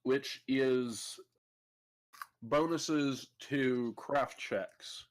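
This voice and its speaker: A man running a tabletop game as game master, laughing often and explaining things quickly. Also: medium pitch, no echo, poor audio.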